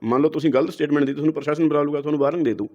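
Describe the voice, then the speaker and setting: Punjabi guy lecturing fast in an interview, kinda high voice, dull lo-fi sound. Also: fairly even intonation, darkish tone. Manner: lecturing, asks rhetorical questions. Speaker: interview guest. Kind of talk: heated interview answers. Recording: dull lo-fi recording.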